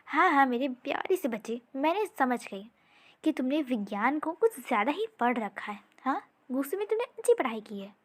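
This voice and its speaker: Brief: woman playing a fond, teasing royal mother, high voice, light. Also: sing-song, normal speed. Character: affectionate teasing queen mother.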